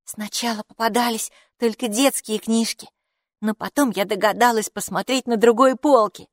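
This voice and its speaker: A woman's voice: on the high side, steady tone, normal speed, no room sound, clean studio sound, voice pushed up, natural voice. A woman reading aloud, voicing an eager schoolgirl who whispers conspiratorially in a children's audiobook. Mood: excited. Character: excitable schoolgirl, the older sister.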